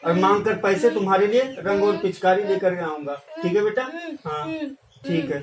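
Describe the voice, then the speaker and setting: A man's voice: high-pitched, expressive, moderate pace. A man acting as a poor father who humbly pleads for a little money. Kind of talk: amateur short-film acting. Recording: echoey, far from the mic, crowd behind.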